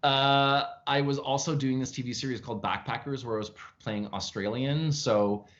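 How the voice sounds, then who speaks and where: Animated, chatty male actor, mid-range voice, dull video-call sound. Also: moderate pace. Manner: animated storytelling with lively pitch jumps; frequent fillers and restarts, chatty. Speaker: actor, interview guest. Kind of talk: casual interview over video call. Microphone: video call from home.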